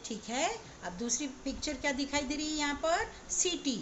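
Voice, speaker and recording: A woman teacher giving an online class to young children, spelling words out slowly sound by sound. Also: high voice, expressive, fairly bright tone, slight background noise. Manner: slow, sound-by-sound spelling aloud. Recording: slightly dull, lo-fi recording.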